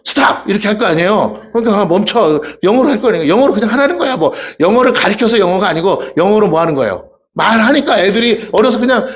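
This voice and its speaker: A male pastor giving a casual, humorous sermon, telling stories and asking the congregation questions. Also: sits high. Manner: chatty storytelling, asks the congregation questions, acts out voices. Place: church sanctuary. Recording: dull lo-fi church recording.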